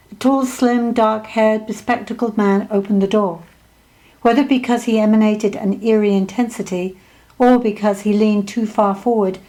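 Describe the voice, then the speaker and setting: A woman reading her own memoir aloud as an audiobook, with measured, descriptive storytelling. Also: mid-range voice, mellow, poor audio. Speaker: author narrating her memoir. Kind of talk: scripted audiobook narration.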